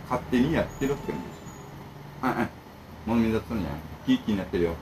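A man's voice: fairly low pitch, animated, rapid-fire, noisy background. A man who runs a bento shop, talking casually and rambling to camera, jumping between complaints and advice. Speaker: bento shop owner and channel host.

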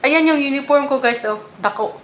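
A woman's voice: sits high, moderate pace, slight background noise. A woman hosting a casual livestream, chatting with viewers and cooing baby talk at her puppy. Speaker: livestream host.

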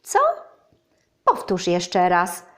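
A woman's voice: high-pitched, animated, slow. A woman voicing a small-brained, humble honey bear in a children's storybook reading, polite and timid. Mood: timid insisting. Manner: polite, timid, stumbles over long words.

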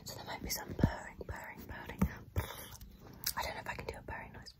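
A young woman doing a fast whispering ASMR doctor role-play in a breathy, unvoiced whisper, close to the mic, chaotically repeating words and phrases. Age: young adult. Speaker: ASMR performer playing a doctor. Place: dim room at home, indoors. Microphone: close to the mic and camera.

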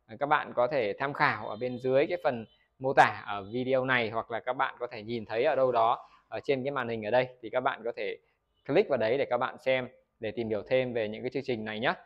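A man's voice: mid-range voice, fairly even intonation, fast talker, muffled recording. A Vietnamese man teaching English pronunciation in a video lesson. He keeps asking the viewers questions, answers them himself and models words for them to repeat.

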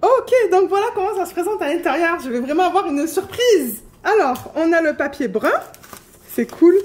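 A woman chatting excitedly on her home craft vlog, filling pauses with fillers and breaking into squeals. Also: extremely high pitch. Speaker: diamond painting vlogger.

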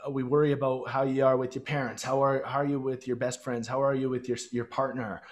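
A man in his thirties speaks through a headset from a small room at home, guesting on a podcast. He coaches the listeners directly and earnestly, at a mid pitch that is common for a man. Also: little pitch movement, quick pace. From Canada. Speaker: fitness and lifestyle coach guest. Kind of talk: podcast interview over video call. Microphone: headset on a video call.

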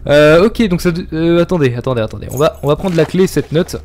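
A man's voice: on the high side, fast, a little mellow, slight background noise. A young man chatting and joking as he streams a horror game, reading chat and yelping at scares. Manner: chatty, jokey, reacts with yelps and laughs. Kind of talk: live gameplay commentary.

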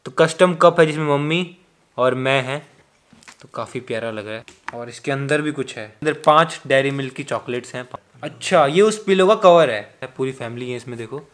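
A man's voice: medium pitch, moderate pace, a bit bright. A man chatting easily to the camera as a vlogger, in casual vlog talk. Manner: chatty, easygoing, talks to camera. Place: sunny rooftop outdoors.

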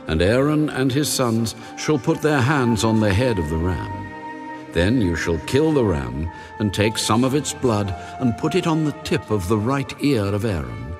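An actor playing God as a solemn, commanding male deity, giving sacred instructions deliberately in a dramatized audio Bible. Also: on the low side. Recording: long reverb over background music. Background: music.

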